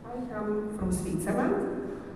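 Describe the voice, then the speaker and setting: A woman gives a formal keynote in a big conference hall, her mellow, fairly low voice picked up from a distance. Long reverb washes around every phrase, and a faint hiss sits underneath. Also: animated. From Italy. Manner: formal, measured, reading from slides. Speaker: professor giving a keynote.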